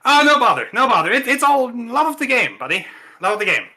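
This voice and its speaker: A man voicing a bright, swaggering arena champion. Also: very high-pitched, sing-song, quick pace, voice pushed up, heavily acted. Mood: friendly. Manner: easygoing and friendly, calls people buddy. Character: cheerful, confident male arena champion.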